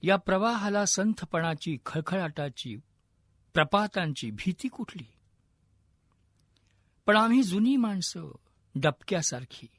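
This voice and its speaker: A frail old man near death, calm and wise, who speaks in slow, weary, gentle pleas, as a male narrator puts him on. His voice sits fairly high and unhurried, recorded close and dry with no room sound. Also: dry recording, full character voice. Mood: pleading.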